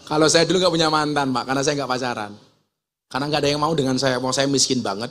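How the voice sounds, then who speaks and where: Bright, lively man preaching. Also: mid-range voice, fast. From Java, Indonesia. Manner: joking, animated, acts out regional dialect voices. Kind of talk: humorous religious sermon.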